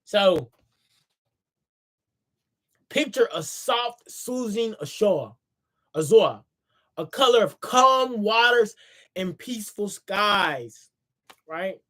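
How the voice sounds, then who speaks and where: A man with a high-pitched voice reads from his own book on a casual livestream, sounding tired. He speaks loosely, repeats himself and asks his viewers to say words back to him. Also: animated, takes it slowly, pauses often, sharp tone. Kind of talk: casual livestream reading with asides. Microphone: phone or computer mic on a livestream.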